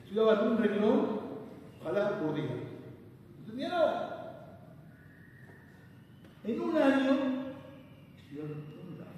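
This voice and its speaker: A middle-aged man from Argentina, a rabbi giving an animated storytelling sermon in a large synagogue hall, recorded by a far camera. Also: high-pitched, a little slow, pauses often, a little hiss or hum. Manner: animated storytelling with sweeping gestures.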